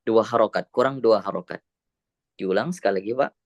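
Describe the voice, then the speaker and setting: An Indonesian man teaching Quran recitation on a video call, slow and patient, drawing out sounds to model them. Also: on the low side, dry recording, dull audio. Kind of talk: patient one-on-one recitation lesson.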